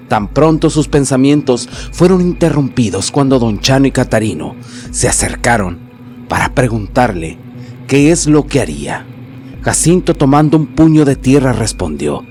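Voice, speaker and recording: A man's voice: medium pitch, a little mellow. A man narrating a scripted horror tale in a dramatic storytelling manner. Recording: narration with faint music bed.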